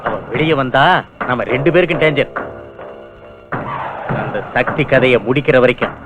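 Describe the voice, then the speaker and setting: An actor playing a scheming male politician who plots with a gangster, over loud film music. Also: mid-range voice, moderate pace, close to an everyday voice. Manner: conspiratorial, plotting. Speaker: minister.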